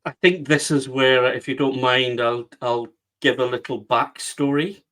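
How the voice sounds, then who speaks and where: A man with a West of Scotland accent talks as a guest on an interview podcast. His voice sits at an ordinary middle pitch, and he leans hard into his points, piling phrase on phrase. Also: steady tone, unhurried, fairly bright tone. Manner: emphatic, builds points in repeated phrases. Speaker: guest, book strategist.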